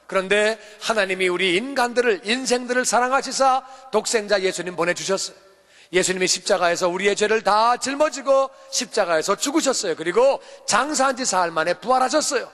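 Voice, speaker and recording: A male pastor with a notably high voice delivers an earnest sermon. He explains patiently and repeats phrases for emphasis. His words echo with a long reverb through a church hall. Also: a little fast, a bit bright.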